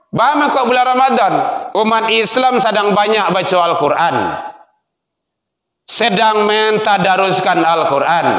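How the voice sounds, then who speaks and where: Animated Minangkabau preacher in an echoey hall. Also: male voice. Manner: animated storytelling, swings between loud exhortation and low asides. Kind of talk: sermon.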